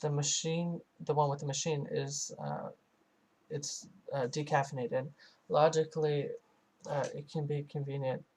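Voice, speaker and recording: Man, translation voice-over, live interpreting, hesitant, lots of filler sounds, narrow pitch range. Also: steady tone, measured pace, a little mellow. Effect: live translation voiced over a foreign-language source. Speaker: student interpreter.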